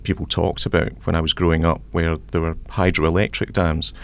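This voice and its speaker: Casting: Scottish man, 40s, deep voice with a gravelly edge, thoughtful interview guest. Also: flat delivery, normal speed. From Scotland. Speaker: civil engineer guest. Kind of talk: podcast interview.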